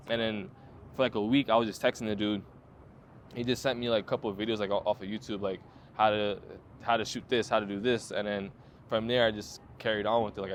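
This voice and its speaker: A man in his twenties with a fairly low voice, appearing as a photographer guest, shares his story in an easygoing interview. He swears a lot and fills his speech with slang and fillers, and there's a faint hiss or hum.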